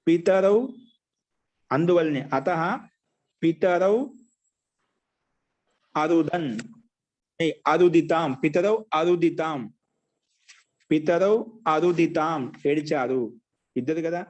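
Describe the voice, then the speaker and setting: A man leads an online Sanskrit grammar class, his voice pitched a little above the usual for a man. He repeats every phrase slowly and patiently so his students can copy it down. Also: steady tone, a little mellow, dull audio. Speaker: Sanskrit teacher.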